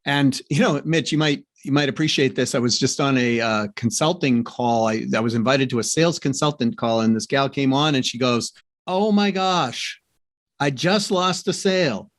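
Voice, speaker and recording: A man's voice: mid-range voice, fairly even intonation, brisk, hardly any pauses, no room sound, studio quality. A middle-aged man hosting a podcast interview, telling stories in a chatty way with lots of asides and restarts. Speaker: podcast host. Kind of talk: casual interview chat.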